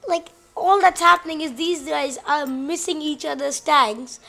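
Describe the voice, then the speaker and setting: Counting units aloud as she plays a battle simulation, a woman rambles through excitable commentary and laughs easily. Her voice sits high and sounds gravelly, and she's unhurried.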